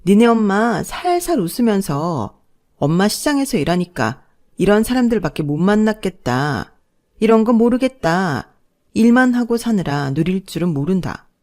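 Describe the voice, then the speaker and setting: A woman's voice: mid-range voice, big pitch swings, moderate pace, darkish tone, pitched above the performer's own voice. A woman voicing a furious adult daughter who scolds sharply and indignantly.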